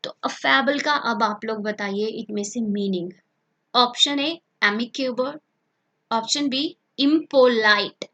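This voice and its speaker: A woman's voice: a little high, takes it slowly, sharp tone, lo-fi sound. A woman teaches vocabulary for competitive exams. She explains each word in Hindi, repeats the terms several times, and keeps checking in with her students as she goes. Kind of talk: online exam-prep lesson.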